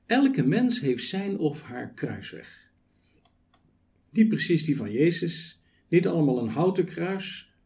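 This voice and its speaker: Delivering a sermon, a man speaks very slowly and deliberately, piling up rhetorical questions and measured lists. His fairly high, mellow voice has a sing-song rise and fall with plenty of movement, plus some vocal fry.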